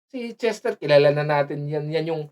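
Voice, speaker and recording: A mid-pitched co-host chatting loosely on a podcast. They laugh often, slip English into their sentences and trail off while looking for the right word. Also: lively intonation, moderate pace, darkish tone, clean tone, dull audio. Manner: laughs often, mixes English into Tagalog, searches for words. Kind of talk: casual chat.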